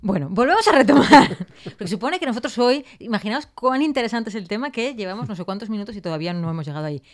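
A woman's voice: medium pitch, lively intonation, very fast. A woman hosting a casual podcast panel chat, teasing the others wryly and steering the talk back on track. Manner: wry, teasing, steers the conversation. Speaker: podcast host.

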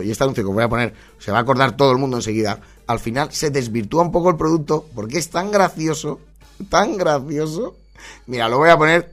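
Chatty Spaniard reminiscing and laughing. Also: male voice, mid-range voice, fairly bright tone. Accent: Spain Spanish. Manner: chatty, laughs often, mimics ad voices. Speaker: host. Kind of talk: casual chat to followers.

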